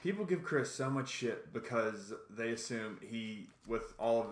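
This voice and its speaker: A man's voice: medium pitch, animated, measured pace, roomy sound, slight background noise. A man co-hosting a podcast in casual chat, giving short replies and dry asides.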